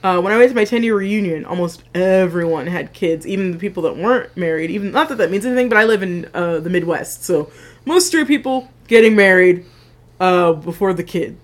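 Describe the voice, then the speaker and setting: A woman's voice: lowish voice, animated, brisk. A woman in her thirties co-hosting a podcast in casual chat, chatty with trailing restarts and frequent laughter. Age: 30s. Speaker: podcast co-host.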